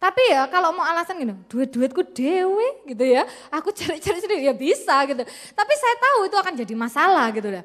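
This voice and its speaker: A woman's voice: sits high, big pitch swings, fast talker, hardly any pauses, a bit bright, in a large hall. A middle-aged woman pastor, preaching a church sermon and acting out the voices of people in her stories. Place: church worship hall.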